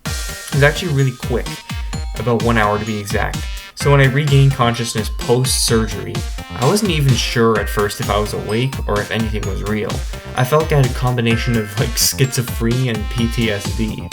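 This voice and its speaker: A man's voice: mid-range voice, brisk. A man vlogging, casually telling a personal story to camera in a conversational way. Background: instrumental music.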